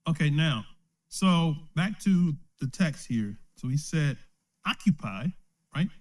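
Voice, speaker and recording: An elderly man, his voice on the high side and animated, moves slowly through an informal Bible lesson. It's streamed live from his home or a small study, and he keeps checking in with "right?" and chuckling often.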